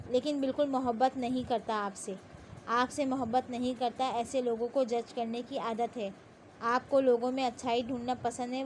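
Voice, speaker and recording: A woman voicing a calm, persuasive police officer. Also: extremely high pitch, a little hiss or hum. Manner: soft-spoken, calm and persuasive. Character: gentle, confident young male police officer.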